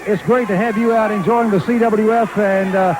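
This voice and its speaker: A man's voice: high voice, steady tone, moderate pace. A man hosting a live wrestling broadcast from a desk in the arena. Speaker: wrestling TV host and commentator. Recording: noisy arena crowd behind the voice.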